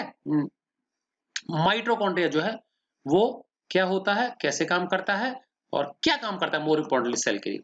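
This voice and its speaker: A male science teacher with an Indian English accent, lecturing students in a patient manner and often checking whether they have understood. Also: high voice. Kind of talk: classroom lecture, mixing Hindi and English. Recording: dull lo-fi audio.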